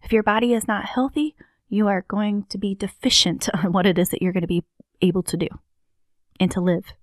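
A woman giving an earnest, slow motivational talk on healing and rest, often softening her voice to a near-whisper. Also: medium pitch, fairly even intonation, no echo, studio quality. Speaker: wellness speaker.

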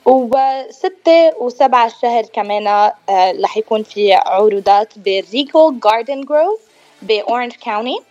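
A woman's voice: a little high, expressive, normal speed, darkish tone, highs cut off. A Lebanese-accented actress chatting as a guest in a casual radio interview, slipping English words into her talk.

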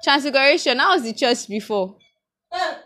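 A woman's voice: a little high, normal speed. A young woman with a Nigerian accent, chatting casually in a vlog and mixing in pidgin phrases. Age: young adult. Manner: chatty, mixes in pidgin, animated storytelling. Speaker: vlogger.

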